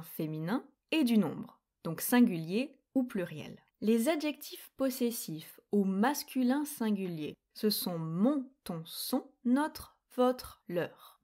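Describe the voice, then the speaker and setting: A young woman presenting a scripted grammar quiz lesson, explaining slowly, clearly and deliberately. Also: medium pitch, darkish tone. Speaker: French grammar teacher.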